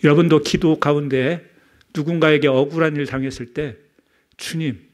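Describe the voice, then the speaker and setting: Pastor preaching with rhetorical questions. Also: male voice, fairly high pitch, fairly even intonation, fairly quick. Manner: asks the congregation rhetorical questions; swings from loud emphasis to near-whispers. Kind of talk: sermon. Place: church sanctuary.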